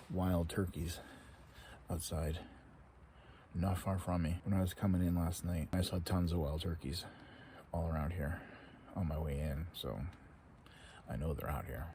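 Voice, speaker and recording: A man talking casually to himself in an unhurried, musing way, like a solo camper narrating his outdoor vlog. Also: sits low. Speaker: solo camping vlogger. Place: outdoors at a woodland campsite and in a tent. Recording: outdoor recording with steady background noise.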